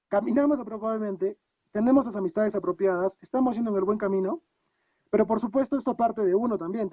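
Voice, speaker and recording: On a video call, a Peruvian coach appears as a guest in a casual interview, musing aloud and asking himself plenty of rhetorical questions in his Peruvian Spanish accent. He has a high, warm voice, recorded with no echo but dull audio.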